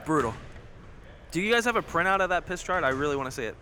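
A man co-hosting a casual sports podcast live in a high school gym, loose and joking, swearing freely. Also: lively intonation, fast talker, pushed and bright, a little hiss or hum. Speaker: podcast co-host.

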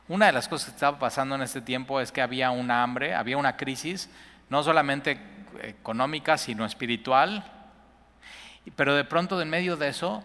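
Animated preacher with a bright voice. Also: male voice, medium pitch. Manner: animated, conversational, acts out quotes, chuckles often. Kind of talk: sermon. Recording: long hall reverb.

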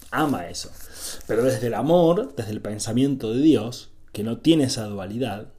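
With a dark tone and a mid-range voice, an Argentine man teaches an informal spiritual talk in his Argentine accent. His approach is didactic, leaning on repeated phrases and short rhetorical check-ins.

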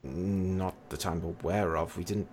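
A man's voice: sits low, fairly even intonation, unhurried, a little mellow, slight background noise. A man voicing a wary male elf researcher who stammers in disbelief. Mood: uneasy. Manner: stammering, incredulous.

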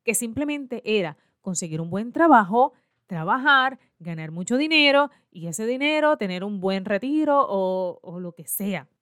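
Telling a personal story to an audience, a woman in her forties from Puerto Rico speaks smoothly at a measured pace and medium pitch, with a Puerto Rican Spanish accent. The school librarian is lively and plays both parts of her conversations, recorded with clean studio sound and no room sound.

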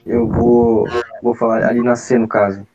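A man explains grammar answers one step at a time on a video call. His voice sits at an ordinary pitch. The call audio is dull and lo-fi. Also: very animated, moderate pace, gravelly, warm tone. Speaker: study group leader explaining exam questions.

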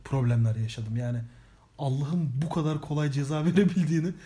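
A young man co-hosting a podcast, telling childhood stories in a casual, animated way and swearing freely. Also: fairly high pitch, a little fast. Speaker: podcast co-host. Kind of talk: casual comedic chat.

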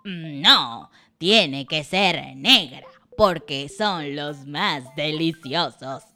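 A matter-of-fact water carrier, as a woman lowers her voice for him, speaking slowly and firmly. The voice drops well below her own but keeps a bright edge, like a storybook grown-up. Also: lively intonation, soft background music, full character voice. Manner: low, measured, firm.

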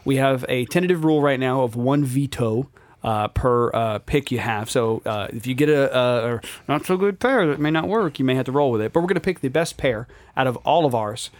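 A man's voice: mid-range voice, lively intonation, brisk, no room sound. A chatty, joking man co-hosting a podcast in casual conversation. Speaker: podcast co-host. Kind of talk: casual chat.

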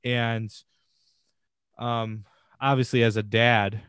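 As a guest on a podcast, a man who streams with his family tells stories in an earnest, rambling way during a casual conversational interview. He speaks slowly with a flat delivery; his medium-pitched voice is a bit bright and smooth, and the recording is dry.

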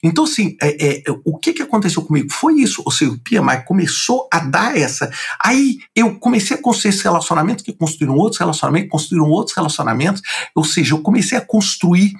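A man, telling stories as an interview guest in an animated way with lots of filler words. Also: sits high, fast talker, vocal fry, slightly rough. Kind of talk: casual interview storytelling.

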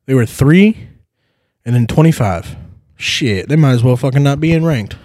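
A man's voice: mid-range voice, moderate pace, no room sound, studio quality. A man hosting a sports podcast, chatting casually about football picks with rowdy, profane outbursts. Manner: rowdy, swearing, excitable outbursts.

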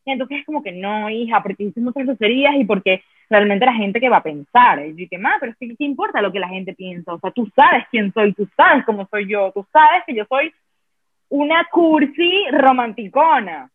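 A woman chats frankly on a casual podcast, rambling through many fillers. Her voice sits a little high. The sound is dry and narrow, like a phone line. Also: husky, no room sound. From Venezuela. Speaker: podcast host.

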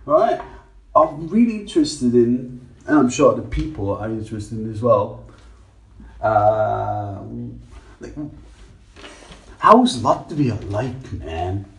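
A man's voice: mid-range voice, very animated, slow, long pauses. A man hosting a casual, crude comedy podcast in an irreverent, tongue-in-cheek manner, recorded in an echoing bathroom. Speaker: podcast host. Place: bathtub in a small bathroom.

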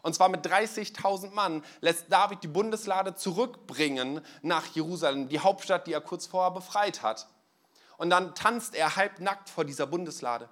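A man with a notably high voice preaches a relaxed, storytelling sermon. He talks straight to his congregation in a church service. He keeps it casual, with easy fillers and everyday phrasing. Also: normal speed. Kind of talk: conversational sermon.

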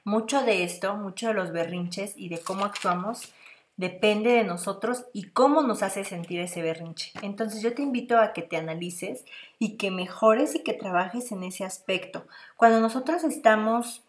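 A woman's voice: mid-range voice, moderate pace. Woman, podcast host; earnest, direct-address parenting advice with repeated phrasing. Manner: earnest, speaks straight to the listener, repeats phrases for emphasis. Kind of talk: casual advice monologue.

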